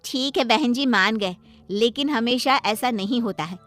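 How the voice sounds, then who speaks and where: A meddling middle-aged cartoon neighbor, voiced by a woman with a high voice. She lectures in a preachy tone. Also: measured pace, a bit bright, faint music behind. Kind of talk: Hindi cartoon voice acting.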